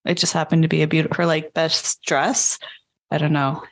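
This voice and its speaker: Chatty woman with a lowish voice. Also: little pitch movement, normal speed. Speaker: podcast host telling the story. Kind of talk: casual chat.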